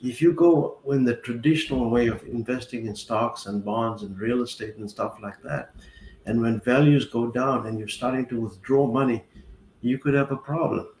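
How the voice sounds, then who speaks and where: A man in his sixties from South Africa, a guest accountant explaining finances in a measured way, walking through worked examples. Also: medium pitch, darkish tone. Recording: roomy echo with faint ambient noise.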